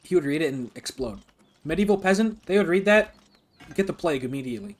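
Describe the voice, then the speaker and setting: Rambling, excitable male game streamer. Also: high-pitched, fast. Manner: rambling, full of fillers like "like" and "you know"; bursts into loud, excited reactions during fights. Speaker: streamer playing a game for the first time. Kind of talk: casual live-stream chat and gameplay reactions.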